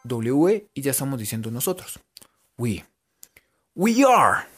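A man's voice: mid-range voice, animated, moderate pace, dark tone, faint music behind. Playful Colombian man teaching English. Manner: playful, spells letters out and keeps checking in with listeners. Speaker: English teacher on local radio. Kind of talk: radio English lesson.

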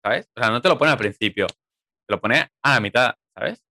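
A man from chatting casually about a film, lively and emphatic, with casual swearing. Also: mid-range voice, normal speed, dry recording.

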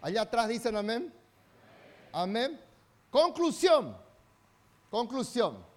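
A male pastor with a high voice preaching to his church. He leads call-and-response and moves between quiet, drawn-out lines and loud rallying shouts. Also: sing-song. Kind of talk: sermon.

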